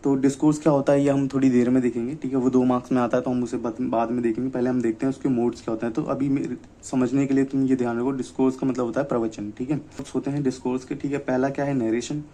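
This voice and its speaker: A young man giving an exam-prep lecture, often asking himself questions and checking "okay?", reading English definitions slowly. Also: mid-range voice, little pitch movement, warm tone. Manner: repeats "ठीक है" and rhetorical questions. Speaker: teacher.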